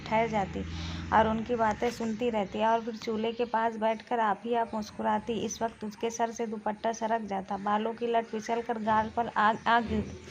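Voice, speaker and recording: Woman reading a novel in a level voice. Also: fairly high pitch. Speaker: storyteller. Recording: muffled lo-fi recording with faint hiss.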